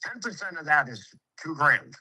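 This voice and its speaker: A brash, streetwise man talks shop as a contractor. His voice is very bright and forceful, and he lectures with swearing and acted-out quotes. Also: a little high, very animated, moderate pace, breathy edge, low-quality recording. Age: 50s. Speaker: home improvement contractor. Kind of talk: casual sales conversation.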